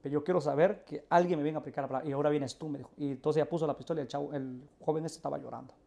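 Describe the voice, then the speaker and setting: A man's voice: on the high side, steady tone, rapid-fire, gravelly, warm tone. A male pastor, telling his testimony earnestly and acting out the voices in his story. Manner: earnest storyteller, acts out quoted dialogue.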